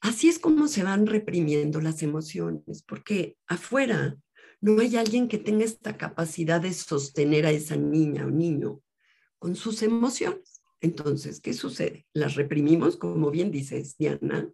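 A woman therapist talks in a measured, teaching way as a guest on an interview show. Her voice sits low and has a gravelly, husky texture. She speaks slowly and unhurriedly. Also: expressive, dark tone. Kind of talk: calm explanatory interview talk.

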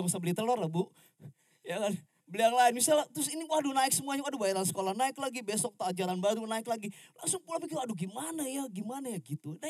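A woman's voice: a little high, a little mellow, dry recording, clean studio sound. A woman preaching a casual youth sermon, chatty, with frequent tag questions and slang, acting out quoted lines. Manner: acts out quoted lines with shifting voice.

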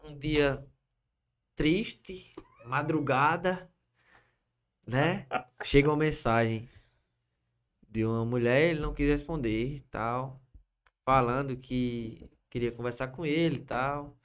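A man's voice: mid-range voice, takes it slowly, pauses often, clean tone. A young man with a Brazilian Portuguese accent, a podcast guest telling a long story in casual chat, rambling and tagging his phrases with little asides. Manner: rambling and lively, tags phrases with "né?" and "pô".

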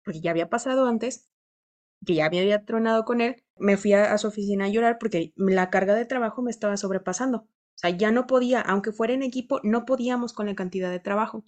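A young woman with a Mexican Spanish accent, co-hosting a casual podcast chat and telling a work story in a lively way. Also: mid-range voice, fast. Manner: animated storytelling, acting out quoted dialogue. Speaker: podcast co-host.

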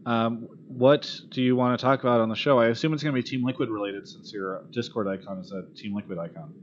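The esports call-in show's male host talks at a quick pace with a mid-range voice. His live chat is casual and blunt, with occasional swearing and exasperation, captured in dull lo-fi audio with noticeable background noise.

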